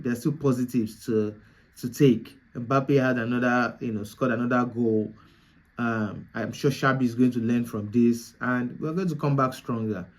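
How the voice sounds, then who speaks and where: A young man hosting a football reaction video, talking casually and repeating his points for emphasis. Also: mid-range voice. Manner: repetitive, emphatic, restarts phrases. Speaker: football channel host.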